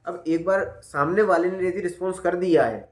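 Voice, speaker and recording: A man's voice: sits high, brisk. Man giving patient class feedback. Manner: patient, repeats "ठीक है ना?" to check understanding. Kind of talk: spoken feedback in a class session. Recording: roomy echo.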